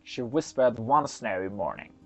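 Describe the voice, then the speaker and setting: A storyteller with a mid-range voice narrates a folktale expressively and dramatically, pausing deliberately. The recording is slightly muffled, with soft music underneath.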